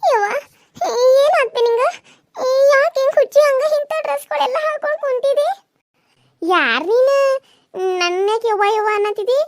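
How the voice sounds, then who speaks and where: A woman's voice: very high voice, moderate pace, pauses often, no room sound, clean studio sound. A woman voicing a tearful teenage village girl who pleads with her mother, with a North Karnataka Kannada accent. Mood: pleading. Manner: pleading, sobbing. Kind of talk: cartoon serial voice acting.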